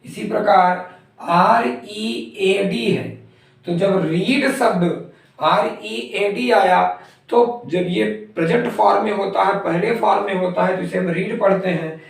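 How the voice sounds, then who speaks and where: Spelling letters one at a time before speaking each word, a man with a creaky, high-sitting voice teaches English pronunciation in a methodical, explanatory way. He sounds far from the mic in a heavily echoing room.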